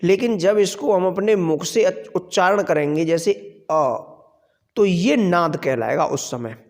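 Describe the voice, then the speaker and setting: A man teaching a grammar lesson, explaining slowly and asking questions that he then answers himself. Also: high-pitched. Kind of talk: classroom lecture. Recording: long hall reverb.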